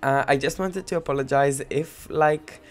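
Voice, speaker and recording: A young man doing let's-play commentary, his nose stuffed up from a cold, rambles and giggles through the game with plenty of fillers. His voice sits on the high side at a moderate pace, with faint music playing behind him.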